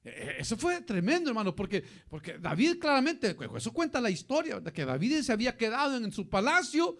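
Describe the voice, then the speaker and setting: A man's voice: very high voice, fairly quick, vocal fry. A man preaching a Bible study sermon as pastor, often calling his listeners "brother". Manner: addresses listeners as "hermano" often, animated preaching.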